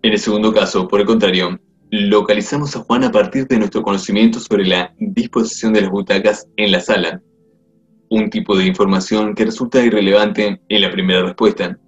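A man reading a grammar textbook aloud in a measured, explanatory way. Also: on the low side, steady tone. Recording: dull lo-fi audio with faint music. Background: faint music.

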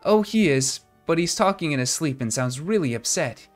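A man's voice: a little high, expressive, normal speed, faint music behind, lightly acted. A man reading out the lines of a gossipy, worried oracle fish in a video game. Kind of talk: video game dialogue read aloud.

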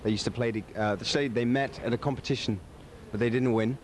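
A man in his twenties, born in London, telling a story in a relaxed interview. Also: mid-range voice, a little fast, a little hiss or hum. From England. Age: 20s. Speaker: pop singer. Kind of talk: casual interview answers.

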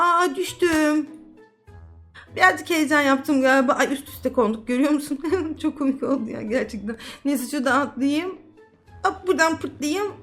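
High, excitable woman gamer. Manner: excitable, exclamatory, chatty. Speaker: gaming YouTuber. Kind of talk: casual gameplay commentary.

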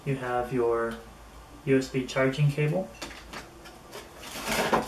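A middle-aged man reviews a product casually to camera, speaking in a mild, unhurried way with fairly level pitch. He sits at a table in a small, echoey indoor room, captured by a camera a few metres off that leaves the audio distant and clearly noisy.

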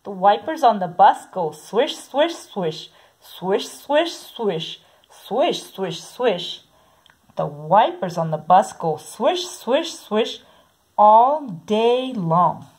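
A woman reading a children's picture book aloud in a slow, sing-song way, saying the repeated sounds softly. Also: mid-range voice, sing-song, husky. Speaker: storybook reader.

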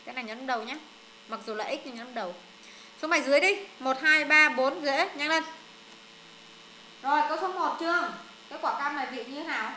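A woman tutoring students in English, drilling them through exam answers in a brisk, directive way and correcting their mistakes firmly. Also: sits high, bright, forceful tone, slight background noise.

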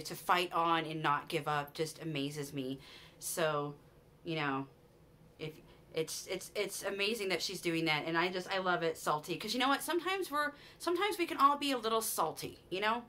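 A woman's voice: on the low side, pushed and bright. A woman in her forties with a Utah American accent, chatting enthusiastically to camera in a shopping haul video from a small room at home. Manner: chatty and enthusiastic, with frequent restarts and "you guys". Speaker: vlogger. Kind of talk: casual haul chat to camera.

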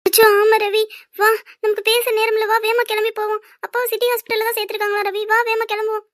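A woman's voice: very high voice, little pitch movement, fast talker, no room sound, clean studio sound. A woman voicing a tearful, anxious young daughter in a cartoon drama, pleading and insistent.

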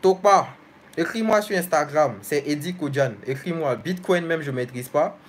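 A young man chats casually on a live stream, reading out viewers' messages and replying to each person by name in a friendly, direct way. His voice sits a little higher than most men's, and a faint hiss of noise runs underneath. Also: moderate pace. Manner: reads comments aloud then answers them directly and familiarly. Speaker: host of a live stream answering viewer comments.

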